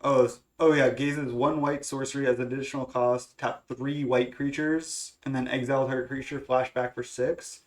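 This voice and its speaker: A young male gaming content creator with a stuffy, congested, mid-range voice talks casually through his card game choices, thinking aloud. His pitch barely moves and he speaks at a normal speed with hardly any pauses, yet he sounds hesitant, full of fillers and restarts.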